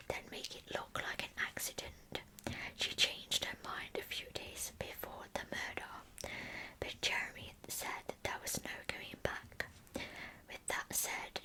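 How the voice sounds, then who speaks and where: Breathy and unvoiced, a woman's whisper carries a slow, careful true crime story for ASMR, right up against the microphone. It's a rough recording.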